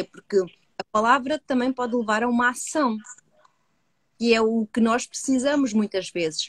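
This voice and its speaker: A woman's voice: fairly high pitch, no echo. Earnest Portuguese woman, dry close sound. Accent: European Portuguese. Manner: earnest, measured, poses rhetorical questions and answers them. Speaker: co-host, hypnotherapist. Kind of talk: live-stream discussion.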